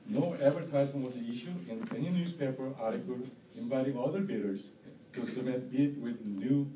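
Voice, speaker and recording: Presenting his appeal as a bidder, a non-native English speaker with a heavy accent gives a formal, partly read statement in an indoor hearing room. He speaks in halting, repeated phrases with a mellow, medium-pitched voice. Audio is distant and roomy with slight background noise.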